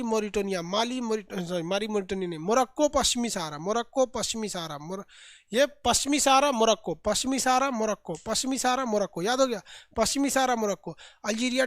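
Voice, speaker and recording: A man's voice: high voice, no echo. Male tutor, live online class, repeats lists in chant, dry close sound. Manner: drills lists by repetition, colloquial and playful. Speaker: teacher.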